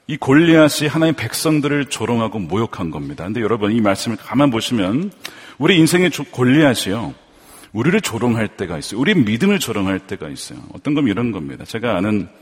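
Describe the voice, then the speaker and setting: A man preaching a sermon as a pastor, swinging between loud fervor and hushed storytelling. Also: mid-range voice, breathy edge. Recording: long church hall reverb.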